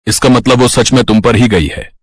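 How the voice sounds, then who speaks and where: A man's voice: mid-range voice, slightly rough, dry recording, natural voice. Man playing a teasing good-humored father. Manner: teasing, joking. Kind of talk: cartoon voice acting.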